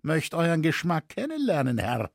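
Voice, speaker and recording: A man reading a sneering, spiteful medieval cloth-shearer who taunts and pries, in a husky voice. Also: on the high side, huge pitch swings, normal speed, no room sound, clean studio sound, pitched above the performer's own voice, full character voice. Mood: mocking. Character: brash spiteful male cloth-shearer, mocking busybody.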